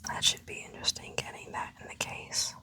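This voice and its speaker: A woman whispering an ASMR unboxing commentary, hushed and unhurried, as if musing aloud to herself. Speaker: unboxing video host.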